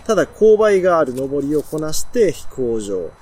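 A man's voice: on the high side, sing-song, moderate pace, darkish tone. A man with a Kansai accent, co-hosting a podcast in casual, joking chat, recorded in a hotel room with faint background noise. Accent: Kansai Japanese. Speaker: podcast co-host.

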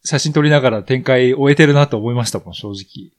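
A man's voice: medium pitch, a little fast. A man hosting a podcast interview. He asks long, winding questions in a polite tone.

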